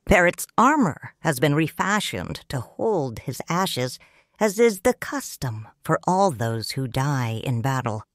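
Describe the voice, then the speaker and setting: A woman with a low voice narrates a scripted first-person audio drama as a proud, grieving noble widow, mature and restrained. She speaks slowly and formally in a measured, solemn way, her pitch swinging expressively. The recording is very dry and close, with no room sound.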